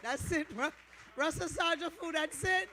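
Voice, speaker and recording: A man's voice: very high voice, moderate pace, bright, forceful tone, slight background noise. A man in the audience eagerly calling out encouragement and asking the performer for one more.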